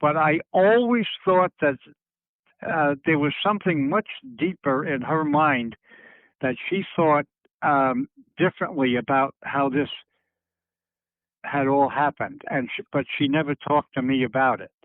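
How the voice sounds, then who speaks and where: An older man, slightly high-pitched, reflects on family history in a phone interview, speaking haltingly, circling back, rephrasing and searching for words. He's on a telephone handset, and the narrowband line sounds thin and tinny, with no room sound.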